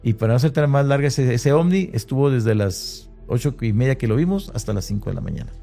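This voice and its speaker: A man's voice: medium pitch, lively intonation, creaky, dark tone, soft background music. A man with a Mexican Spanish accent, telling an interviewer his own story in conversational Spanish, hesitant, with restarts and fillers. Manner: hesitant, with many restarts and fillers, slowing at tense moments. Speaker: interviewee recounting an encounter. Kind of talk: conversational first-person account.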